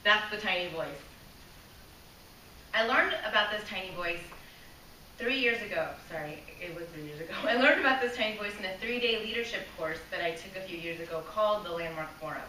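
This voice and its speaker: A woman at a club gives a prepared speech to a live crowd, brisk and animated, her medium-pitched voice pushed and bright. Earnest and direct, she questions the room and sometimes loses her place and starts again, heard distantly in an echoey room with faint hiss.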